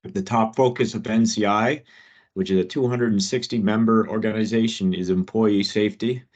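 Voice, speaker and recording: A man's voice: fairly low pitch, fairly even intonation, normal speed, a little mellow. A man presenting updates informally as host of a work meeting on a video call. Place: online meeting. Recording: dull, lo-fi video call audio.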